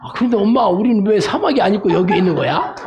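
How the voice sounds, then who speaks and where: A man's voice: sits high, expressive, quick pace, darkish tone, highs cut off, pitched above the performer's own voice. A man voicing a curious baby camel in a zoo, asking its mother childlike questions.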